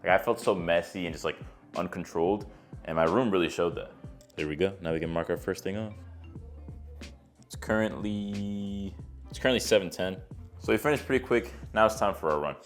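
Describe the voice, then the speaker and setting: Fast-talking deep-voiced young guy vlogging. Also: soft background music. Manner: laid-back, chatty, slangy. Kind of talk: casual vlog narration.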